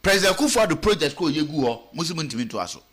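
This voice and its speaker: Animated Ghanaian man arguing politics. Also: fairly high pitch, fast, husky. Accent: Ghanaian English with Twi. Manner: animated, rhetorical questions, mixing English and Twi. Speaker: political commentator. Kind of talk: radio talk show commentary.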